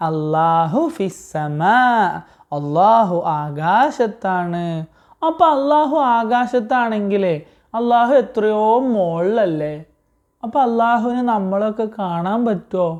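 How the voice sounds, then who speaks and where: A woman teaching a religious story to children, patient and slow, asking them questions and repeating the answers. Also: medium pitch, lively intonation, darkish tone, highs cut off.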